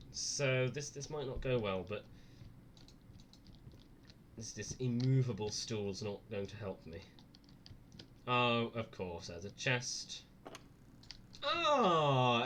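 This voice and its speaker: Man, scared horror game streamer, sharp bright voice, jumpy, sarcastic, sweary, some background noise. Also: medium pitch. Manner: dry sarcasm. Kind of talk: live horror game commentary.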